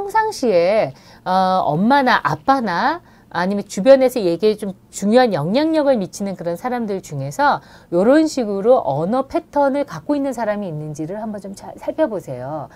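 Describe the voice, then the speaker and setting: A woman with a lively, swooping voice explains how to handle a child's behaviour. She speaks as a play therapist on a live parenting Q&A, pausing on small fillers. She turns to the listener with questions as she goes. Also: medium pitch. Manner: explanatory, poses questions to the listener and acts out sample lines; frequent "uh" fillers between phrases.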